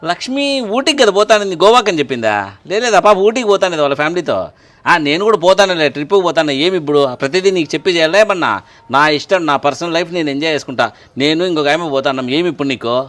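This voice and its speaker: Man playing a boastful, defiant husband, high and quick. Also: expressive, a bit bright. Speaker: husband in a comedy skit. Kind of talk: comic sketch acting.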